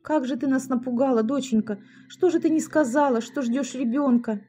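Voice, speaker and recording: A woman's voice: sits high, normal speed, dark tone, a little hiss or hum, voice pushed up, natural voice. Woman doing a tearful anxious mother. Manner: pleading, fussing.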